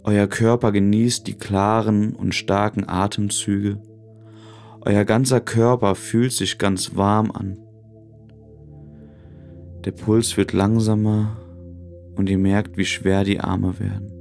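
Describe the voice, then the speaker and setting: Man, lowish pitch, creaky fry, calm and soothing meditation guide, long pauses, soft music behind. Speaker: podcast host. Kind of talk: guided relaxation meditation narration.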